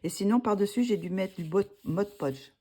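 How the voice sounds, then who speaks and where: A woman's voice: medium pitch, moderate pace, warm tone. A woman casually showing her finished coloring pages, hesitant, with many fillers and self-corrections. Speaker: coloring hobby vlogger.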